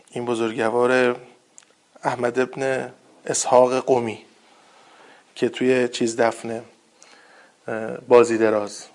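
A man preaching a sermon, telling a religious story in a conversational way with rambling asides and slowly recited Arabic quotes. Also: mid-range voice. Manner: recites Arabic quotes slowly, then retells them in plain speech.

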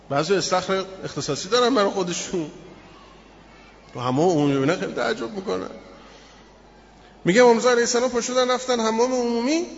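A male preacher giving an expressive sermon that tells a story, acting out the lines of the people in it. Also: high-pitched, a little hiss or hum. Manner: expressive, acts out quotes in the story. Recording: echoey hall, muffled sound.

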